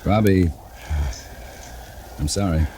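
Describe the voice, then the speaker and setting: An actor playing a steady, commanding cavalry captain in a 1950s radio drama, heard with old broadcast sound. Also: male voice, low voice, slow pace, a little hiss or hum. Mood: grave. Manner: firm military commands, then quiet and grave. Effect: old radio show broadcast sound.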